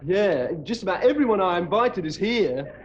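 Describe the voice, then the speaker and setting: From a worn VHS tape copy of a 1980s TV sitcom, an actor plays a mopey, self-pitying young hippie student who drones on apologetically. The voice sits high and sounds animated at a normal speed. The highs are cut off and there's a little hiss or hum.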